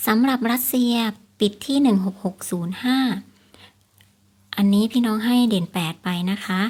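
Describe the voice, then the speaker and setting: A woman hosting a casual tips vlog, explaining things to viewers, repeating her points and often checking for agreement with polite particles. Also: fairly high pitch. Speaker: lottery tips channel host.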